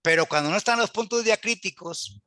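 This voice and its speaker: High-voiced, bright man teaching. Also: a little fast, no echo. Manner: earnest, rhetorical questions, quotes scripture aloud. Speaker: Bible Hebrew teacher. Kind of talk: church class lecture.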